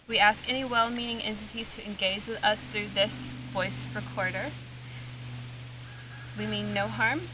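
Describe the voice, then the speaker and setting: Female paranormal investigator, mid-pitched, talking to a ghost in slow, formal questions. Noisy outdoor location sound. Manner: measured, formal, pausing between short questions. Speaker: paranormal investigator leading an EVP session. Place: outdoors in a cemetery. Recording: noisy outdoor field recording.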